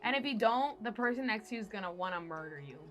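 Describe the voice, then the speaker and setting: Young woman, podcast host, casual chat, giggly, bright tone, faint music behind. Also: mid-range voice, animated, fast. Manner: giggly, chatty, asks lots of questions.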